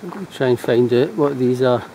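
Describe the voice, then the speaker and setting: A Scottish man talks in a mellow, relaxed voice at a middling pitch. He narrates his walk casually, musing to himself in a low-key way. It is recorded outdoors with faint ambient noise behind him. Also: fairly quick, rough recording. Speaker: walking vlogger. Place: outdoors on a walking trail.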